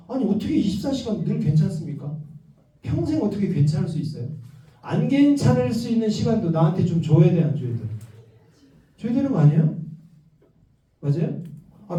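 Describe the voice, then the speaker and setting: Male lecturer with a high but very dark, mellow voice, addressing an audience with constant questions; recorded from afar in an echoey hall. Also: distant mic. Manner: keeps asking the audience questions. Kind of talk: public lecture to a live audience.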